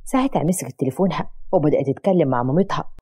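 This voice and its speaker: Egyptian woman narrating a story, fast, low husky voice. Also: dark tone. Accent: Egyptian Arabic. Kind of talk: scripted narration.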